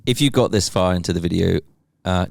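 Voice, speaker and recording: A man co-hosting a casual podcast chat, with quick, loose, rambling asides. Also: low-pitched, vocal fry. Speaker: podcast co-host.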